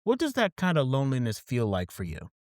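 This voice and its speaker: A man's voice: mid-range voice, wildly swooping pitch, fast talker, darkish tone, no room sound, studio quality. A man hosting a podcast, reading a scripted opening and then chatting casually, often repeating "absolutely". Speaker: podcast host.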